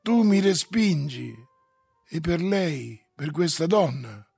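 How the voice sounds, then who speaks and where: Male reader doing an urgent, pleading friend, husky, pitched a little high. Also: animated, slow, darkish tone, dry recording, clean studio sound, soft background music, full character voice. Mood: dismayed. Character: Stolz, an earnest man pleading with his friend.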